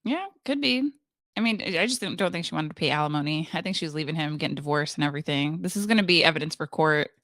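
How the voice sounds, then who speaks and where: A woman's voice: low-pitched, animated, fast talker, a bit bright, no room sound, studio quality. A woman chatting casually as a panelist, animatedly acting out quoted thoughts. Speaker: panelist reacting to a recording. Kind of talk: casual commentary chat.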